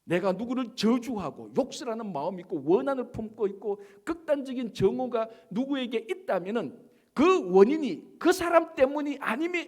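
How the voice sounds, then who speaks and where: Preaching man with a lively pitch. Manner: emphatic preaching with rhetorical questions, slowing for stress. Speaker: pastor. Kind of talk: sermon. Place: church sanctuary.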